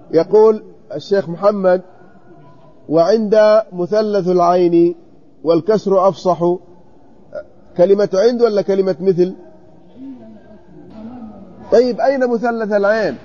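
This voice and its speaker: High-voiced teacher, questioning. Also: male voice, mellow. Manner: questioning, repeats words slowly to drill pronunciation. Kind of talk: classical text study lesson. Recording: dull lo-fi recording.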